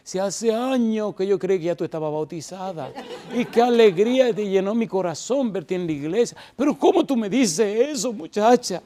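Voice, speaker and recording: A man's voice: fairly high pitch, expressive, normal speed, dark tone, natural voice. A man voicing an elderly father near ninety who pleads with his daughter, emotional and tender. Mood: pleading, tearful. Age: older.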